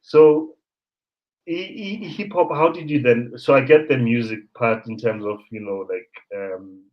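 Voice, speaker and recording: A South African man in his thirties hosting a casual conversation, an animated storyteller who mixes in local words. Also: medium pitch, measured pace. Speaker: host. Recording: dull lo-fi sound.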